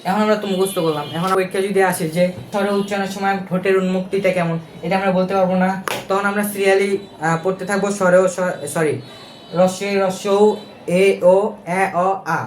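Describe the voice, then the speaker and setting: A young man with a Bangladeshi accent teaches an exam-prep lesson step by step, posing rhetorical questions and correcting himself as he goes, in a colloquial style full of fillers. His voice is high and level, his pace quick, and the echoey room carries a faint hiss or hum.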